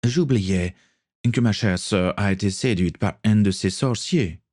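A man voicing a self-righteous, contemptuous young man in a read-aloud story, lightly raised in pitch. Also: unhurried, darkish tone. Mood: mocking.

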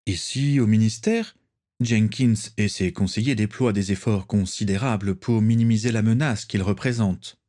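A man voicing an eager, excitable young aristocratic wizard who speaks earnestly. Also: fairly low pitch, moderate pace, natural voice. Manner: animated, earnest.

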